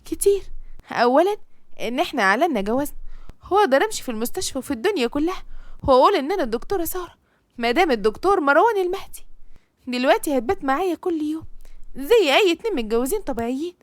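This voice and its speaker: A woman's voice: high-pitched, very animated, racing, no echo. Woman voicing a young wife, doctor, Egyptian accent, coaxing, dry close sound. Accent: Egyptian Arabic.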